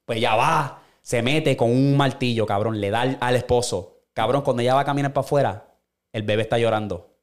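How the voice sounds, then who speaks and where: A man's voice: mid-range voice, brisk. A man, co-hosting a podcast, telling a story in casual chat and acting out the quoted voices. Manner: animated storyteller, acts out quoted voices, swears a lot. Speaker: podcast co-host.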